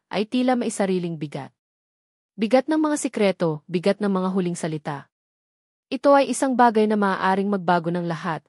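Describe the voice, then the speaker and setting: A woman with a Filipino accent narrates a scripted dramatic story. Her mid-range voice has a somewhat dark tone, and the recording is dry and studio quality.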